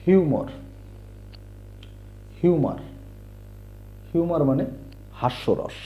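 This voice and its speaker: Male teacher, patient spelling drill, very slow delivery, muffled lo-fi sound. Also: a little high, lively intonation. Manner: spells out letters and repeats words patiently. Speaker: English teacher. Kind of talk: slow explanatory lesson. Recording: dull lo-fi recording.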